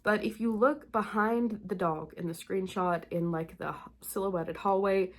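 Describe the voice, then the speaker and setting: An unhurried young woman with a mid-range, fairly even voice chats to camera as host of a spooky vlog. Her speech sounds nasal and blocked up from being ill, she's a bit breathless, and she rambles with many "like" fillers.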